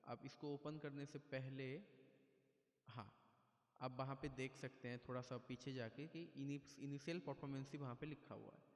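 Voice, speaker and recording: A man's voice: medium pitch, steady tone, moderate pace. Man explaining step by step in an echoey room. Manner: plain, patient explaining with frequent "theek hai". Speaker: keyboard tutorial presenter. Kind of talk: casual step-by-step tutorial. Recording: echoey room with long reverb.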